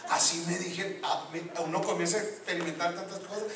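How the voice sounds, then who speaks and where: A man's voice: high-pitched, steady tone, a little fast, background noise. Echoey, distant, joking male preacher. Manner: emphatic and joking, addressing the congregation directly. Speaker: guest preacher. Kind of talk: Pentecostal-style sermon with call and response. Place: church service before a responding congregation. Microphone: distant from the microphone. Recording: echoey church hall from far off, congregation audible.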